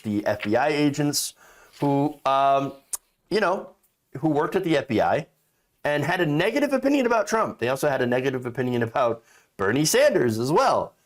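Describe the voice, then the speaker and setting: Emphatic male commentator with animated, swooping pitch. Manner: emphatic, indignant. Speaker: political commentator, show host. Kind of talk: opinionated political commentary, reading out quotes.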